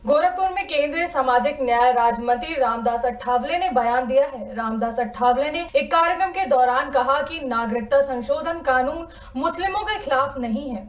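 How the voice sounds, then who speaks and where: A woman news anchor reading a bulletin in a brisk, even, scripted delivery. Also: high voice. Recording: echoey room, distant mic.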